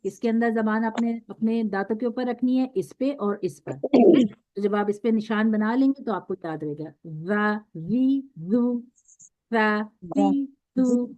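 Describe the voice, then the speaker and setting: A woman's voice: a little high, moderate pace. Patient woman teacher drilling syllables. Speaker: Quran recitation teacher. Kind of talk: classroom instruction. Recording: dull lo-fi recording.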